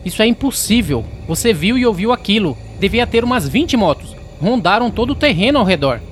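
A man's voice: high voice, very animated, a little fast, a little hiss or hum. A man playing an agitated, disbelieving Brazilian character in a horror audio drama, speaking with urgent insistence. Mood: anxious disbelief.

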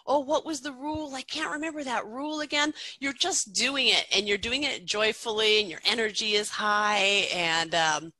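A woman's voice: mid-range voice, pushed and bright, dry recording, rough recording. A middle-aged woman, a pronunciation teacher, explaining things in an interview in a chatty way with lots of fillers and restarts.

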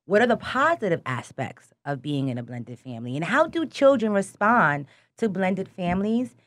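A woman hosting a casual talk show, stretching out words as she raves about food. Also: medium pitch. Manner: lively, drawn-out food praise. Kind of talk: casual chat.

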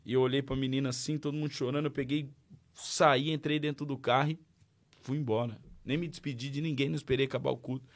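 A man's voice: mid-range voice, quick pace. Brazilian man telling his story. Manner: lively storyteller acting out dialogue. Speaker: guest. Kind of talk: casual testimony.

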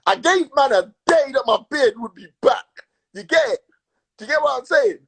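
A man with a London roadman accent telling stories in casual, slangy chat, emphatic and repetitive, with a husky voice. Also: very high voice, lively intonation, moderate pace, a bit bright. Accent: London urban, roadman. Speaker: podcast co-host.

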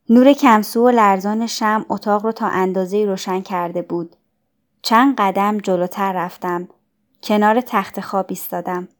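A woman narrating a novel as an audiobook in an even, measured way. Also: mid-range voice.

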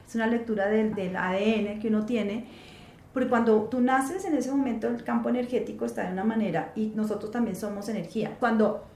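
A woman guest in a casual interview, telling personal stories in an animated way and often acting out what others said. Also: mid-range voice. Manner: animated storyteller, quotes others in voices. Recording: echoey room with faint background noise.

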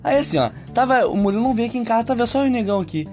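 Fast-talking young man telling stories. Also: very high voice, soft background music. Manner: animated storyteller, teasing. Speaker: podcast host. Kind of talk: casual podcast chat.

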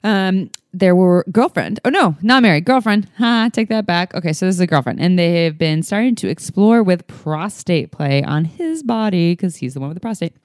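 Brief woman, podcast co-host, lowish voice, upbeat casual chat, dry close mic. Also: animated, darkish tone, no echo. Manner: upbeat, quick interjections.

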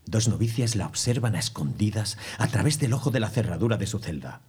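A man reads the scripted narration between scenes. His voice is low and a bit husky, and his delivery is measured and explanatory. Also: a little mellow.

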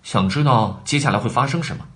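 A man reading a children's story aloud in an animated way, talking to the children between lines. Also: medium pitch, quick pace.

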